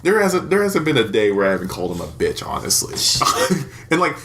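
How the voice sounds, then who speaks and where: A man's voice: mid-range voice, huge pitch swings, fairly quick, a bit bright. A man in his twenties co-hosting a podcast, telling crude stories in a rambling, casual way and laughing often. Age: 20s. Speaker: podcast co-host. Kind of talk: casual chat.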